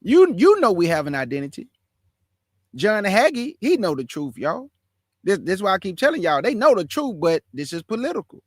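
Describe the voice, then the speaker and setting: Reacting to a sermon clip, a commentator from Houston, Texas, USA speaks with passion, emphatic and repetitive, and calls his listeners family. His high voice swings hugely in pitch at a moderate pace, captured in studio quality with no echo.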